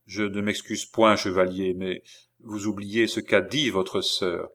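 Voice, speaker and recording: A man playing a calm, imperious count who hypnotizes people, speaking in measured commands. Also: on the low side.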